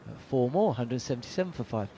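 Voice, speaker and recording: A man's voice: medium pitch, lively intonation, fast, warm tone, a little hiss or hum. A middle-aged man doing ball-by-ball cricket commentary from a commentary box, mixing play calls with rambling anecdotes and plenty of uh fillers. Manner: chatty, anecdotal, frequent uh fillers.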